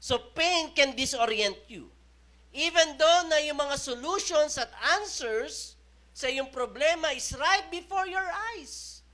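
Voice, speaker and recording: A man's voice: very high-pitched, animated, bright, forceful tone. A man with a Filipino accent preaching a sermon, mixing Tagalog and English and often checking in with "okay?". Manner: slow, emphatic preaching with rising and falling intensity. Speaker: pastor.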